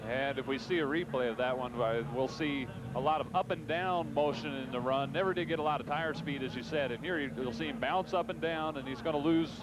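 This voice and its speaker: A man commentating on a tractor pull, introducing and analysing runs in a measured, explanatory way. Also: a little high, crowd noise. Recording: noisy outdoor track, engines behind. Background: outdoor ambience and vehicle noise.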